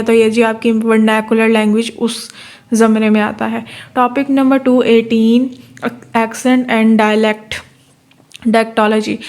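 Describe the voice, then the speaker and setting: Flat, higher-pitched woman lecturing. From Pakistan. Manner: reads English definitions slowly, then explains them in Urdu; repeats phrases and checks in with listeners ("theek hai"). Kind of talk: university lecture.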